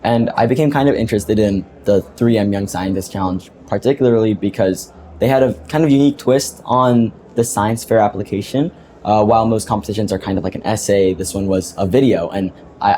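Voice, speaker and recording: A man's voice: on the low side, a little fast, warm tone, slight background noise. A teenage boy being interviewed on a podcast, earnestly explaining his work and laughing easily. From United States. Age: teens. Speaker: guest inventor. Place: podcast booth at a tech event.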